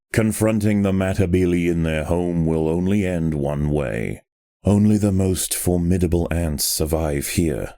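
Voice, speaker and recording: In the style of a nature documentary, a man narrates with a very deep, mellow voice, measured and solemn with a touch of drama. The audio is dry and close like scripted game narration, with no room sound.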